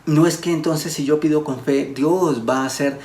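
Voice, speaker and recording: A man giving a sermon as a preacher, earnest and slowing down to stress his points. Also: on the high side, steady tone, a little mellow. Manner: earnest, slows down to stress words. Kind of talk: sermon teaching. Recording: echoey room with faint background noise.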